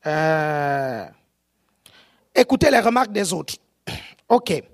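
A preacher with an African French accent gives a sermon, often shouting and checking whether the audience is following. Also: medium pitch, slow pace. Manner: animated, often shouting, keeps asking the audience if they follow.

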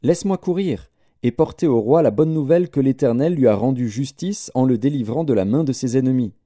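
A man's voice: mid-range voice, brisk, warm tone, lightly acted. A man reading aloud voices an eager young messenger who pleads to run with the news. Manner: pleading, insistent.

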